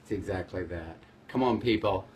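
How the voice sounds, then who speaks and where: A man's voice: sits low, normal speed, darkish tone. A man hosting a short etiquette segment, talking casually to camera in a playful, mock-exasperated way.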